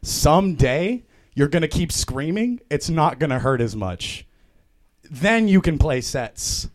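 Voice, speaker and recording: A man's voice: on the high side, sing-song, takes it slowly. A young man from Vermont, a band's vocalist, chatting casually as a guest with a slangy, filler-heavy, laid-back way of talking. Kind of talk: casual chat.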